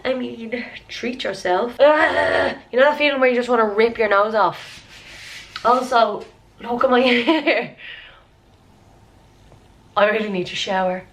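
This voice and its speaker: A woman's voice: fairly high pitch, a little slow, pauses often, fairly bright tone, a little hiss or hum. A young Irish woman vlogging at home in a casual, chatty way, feeling under the weather and sniffly, with self-mocking asides. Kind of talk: casual chat to camera. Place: at home indoors.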